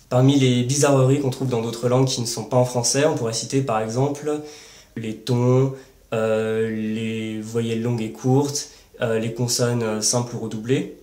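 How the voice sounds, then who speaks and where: A man's voice: medium pitch, darkish tone, echoey room. A man hosting a language-learning lesson, explaining step by step with worked examples and frequent hesitation fillers. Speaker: language-learning channel host.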